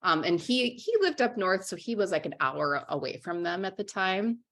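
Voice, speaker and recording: A woman's voice: mid-range voice, lively intonation, moderate pace, fairly bright tone. A young adult woman from Minnesota, an interview guest talking frankly and candidly, often restarting her sentences. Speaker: interview guest, writer and journalist.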